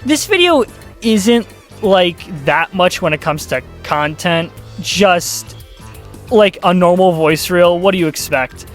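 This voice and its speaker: A YouTube commentator with a fairly high male voice rambles through casual video commentary, sarcastic and swearing freely. He sounds animated but takes his time, and faint music plays in the background.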